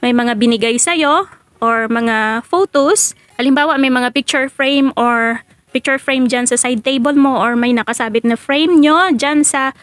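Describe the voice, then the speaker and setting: A woman's voice: sits high, measured pace, a bit bright, dry recording. A woman giving casual breakup advice to her viewers. She switches between Tagalog and English, asks rhetorical questions, and laughs between points. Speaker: relationship advice vlogger.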